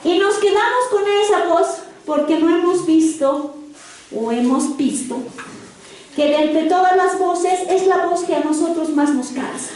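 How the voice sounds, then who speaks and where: Recorded from a distance in a very echoey hall, with some faint hiss or hum, a preacher delivers an interactive sermon. Her very high voice has a darkish tone and a measured pace, and she keeps checking in with her listeners through short questions.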